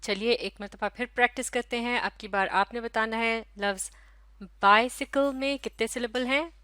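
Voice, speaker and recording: A woman teacher with a Pakistani Urdu accent giving a recorded lesson to young pupils, drawing out each word slowly so they can repeat it. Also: fairly high pitch, steady tone, sharp tone, smooth, dry recording. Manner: slow, drawn-out pronunciation of words for repetition.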